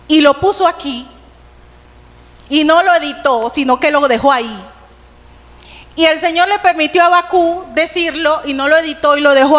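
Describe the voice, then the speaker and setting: A woman preacher with a Colombian accent delivering an earnest sermon in a church, asking rhetorical questions and slowing for emphasis. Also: sits high, a bit bright. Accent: Colombian Spanish. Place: church hall. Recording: long reverb of a church hall.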